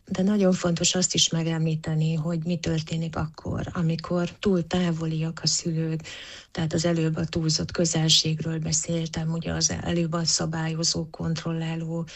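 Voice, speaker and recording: Woman, interview guest, flat even delivery, hesitant, restarts often. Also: deep voice. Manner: thoughtful, many hesitations and restarts. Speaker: psychologist guest. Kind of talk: interview answers.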